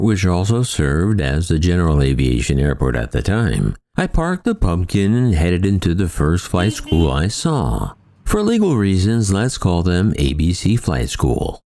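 A man's voice: warm tone, dry recording, studio quality. A middle-aged man narrating a wry, vivid first-person story of his first flying lesson. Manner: wry, vivid storytelling with big swings in pitch.

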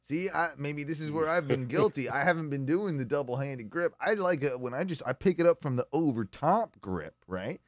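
A man's voice: a little high, moderate pace, hardly any pauses. A man hosting a podcast, chatting loosely and with lots of swearing while he reacts to a clip. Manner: loose, profane, animated commentary. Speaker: podcast host. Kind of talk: casual chat reacting to a clip.

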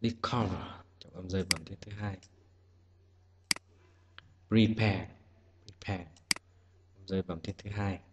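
A man teaching an exam-prep lesson, explaining every answer patiently and step by step. His voice sits on the low side and rings with a long hall echo. A steady hiss runs under the recording, and mouse clicks sound behind him. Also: racing, few pauses. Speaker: English teacher. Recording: echoey room with loud hiss.

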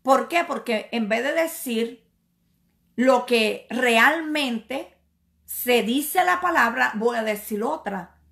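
A woman evangelist delivers a sermon at a deliberate, unhurried pace, stressing and repeating her key words. Her voice sits a little high and carries a gravelly edge. She keeps putting questions to her listeners and answering them herself. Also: lively intonation, fairly bright tone. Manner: slow emphatic preaching with repeated words and rhetorical questions.

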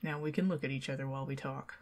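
Her very deep voice races along with fairly even intonation as this Southern American woman performs an ASMR roleplay. She's cast as a sociable, teasing young neighbor who talks to the listener and slides into soft whispers.

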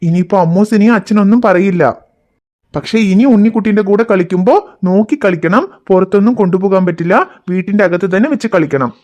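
A patient, gentle cartoon father, voiced by a performer, who talks in a quick, steady flow. He reassures and explains calmly, in a mid-pitched everyday voice. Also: muffled recording, natural voice. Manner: calm, reassuring, explains things to his children. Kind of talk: cartoon voice acting.

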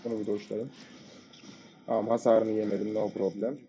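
A man giving live gameplay commentary, excitable and shouting at teammates and enemies in sudden bursts. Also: on the low side, normal speed, over loud music. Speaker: gamer playing a ranked match. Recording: dull lo-fi mic audio.

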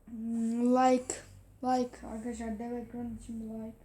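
A woman hosting a gaming video, commenting excitedly as she plays and talking to the game. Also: on the high side, unhurried. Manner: excitable, talks to the game, frequent exclamations. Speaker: gaming channel host. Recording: roomy echo.

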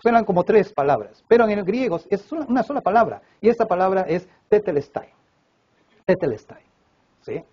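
A man preaching a sermon at a church service, swinging between loud emphatic cries and hushed low passages. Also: very animated, fairly quick, slightly rough, highs cut off. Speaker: pastor.

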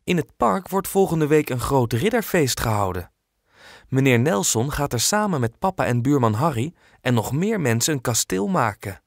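A man voicing a patient mother who explains things calmly in a children's audiobook. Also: medium pitch, moderate pace, creaky, no room sound, studio quality. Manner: gentle and explaining. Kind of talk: audiobook character voice.

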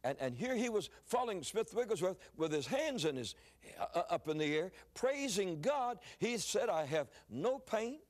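An older male preacher tells a story in a sermon, with a fairly high voice that rises and falls in a lively way. He often repeats a word or two as he begins a phrase. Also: moderate pace. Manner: lively, repeats words when starting phrases.

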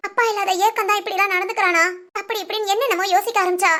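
A woman narrates a family short story in a very high, bright voice. Her telling is plain and explaining, walking the listener through what the characters feel. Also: steady tone, rapid-fire. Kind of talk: emotional storytelling.

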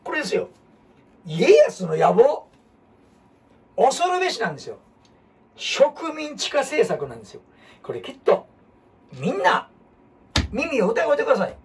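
A man with a Kansai accent, hosting a casual history talk as an animated storyteller who jumps between topics and asks rhetorical questions. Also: very high-pitched, unhurried, pauses often. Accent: Kansai Japanese. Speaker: host. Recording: husky voice from far off the mic.

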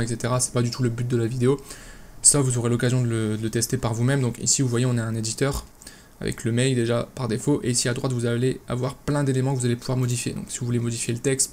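A man calmly talking through a software tutorial step by step, with lots of fillers and restarts. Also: medium pitch, slight background noise. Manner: relaxed, explains step by step with many fillers and restarts. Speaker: e-commerce tutorial host. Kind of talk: casual screen-recorded software tutorial.

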